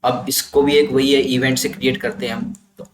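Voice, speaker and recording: A man's voice: medium pitch, little pitch movement, fairly quick. Male teacher explaining words in an echoey room. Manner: explains step by step, often adds "ठीक है" to check understanding. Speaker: vocabulary teacher. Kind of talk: explanatory lesson with mnemonics. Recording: echoey room, faint ambient noise.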